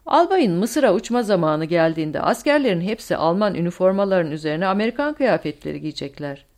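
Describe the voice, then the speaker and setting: A woman's voice: lowish voice, expressive, fairly quick, darkish tone. A woman voicing a smug, scheming male general who talks persuasively.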